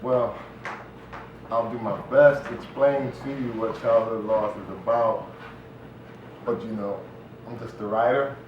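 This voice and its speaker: Speaking with a medium pitch and fairly even intonation, a little slowly, a man gives a casual interview as a guest. He writes and produces stage plays, rambles conversationally and often says "you know," with the audio distant, dull and very echoey in a noisy room.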